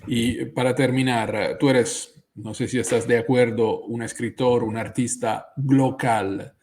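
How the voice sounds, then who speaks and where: A man's voice: medium pitch, a little slow, slight background noise. Man hosting, searching for words. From Southern Italy. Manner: searching for words, repeats syllables, grows more animated. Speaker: interviewer, host. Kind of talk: interview questions.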